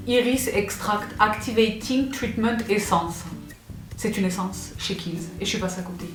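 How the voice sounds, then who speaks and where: Woman in her thirties, excitable, gushing unboxing chat, echoey room, faint music. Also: medium pitch. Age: 30s. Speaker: beauty vlogger. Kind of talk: casual chat unboxing products. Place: indoors, seated. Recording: roomy echo with faint music.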